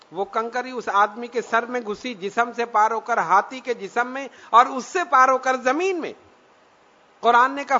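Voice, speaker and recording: High bright-voiced male preacher. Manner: rhetorical questions and repeated lists, rising to emphatic peaks. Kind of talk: religious sermon ending in prayer. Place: gathering hall. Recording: dull lo-fi recording.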